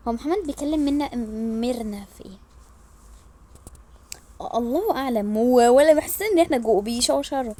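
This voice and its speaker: An Egyptian woman telling a role-play family story, switching quickly between the voices of a mother and her children. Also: high-pitched, dark tone. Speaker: storyteller voicing all characters.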